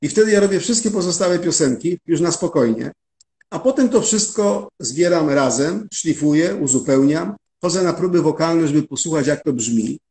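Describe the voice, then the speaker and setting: A man with a somewhat high voice gives long interview answers. He explains his working process step by step, in a careful and methodical way. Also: lively intonation, normal speed, dark tone. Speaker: interview guest, musical translator.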